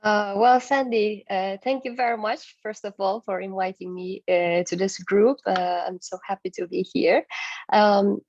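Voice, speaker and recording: A Turkish woman who founded an agency presents her business with slides as a guest speaker on a video call, hesitating and using many fillers. Her medium-pitched voice is steady, a little slow, and darkish, with no echo. The video call microphone gives dull, dry audio.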